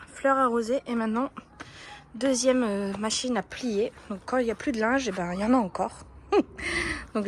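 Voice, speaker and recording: With slight noise in the background, a woman with a higher-pitched voice holds a relaxed vlog chat to her handheld camera at home and in the garden. This lifestyle vlogger rambles, laughs frequently and pokes fun at herself.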